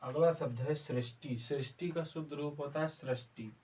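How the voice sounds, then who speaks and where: A man teaching an exam-prep Hindi class, slowly repeating each word several times in a spelling drill. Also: on the high side, darkish tone. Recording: distant mic with faint background noise.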